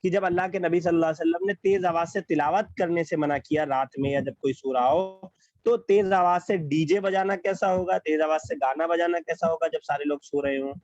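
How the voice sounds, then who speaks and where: A man's voice: fairly high pitch, a little mellow, no echo, muffled recording. A man teaching an online class, explaining patiently over a video call and repeating key phrases.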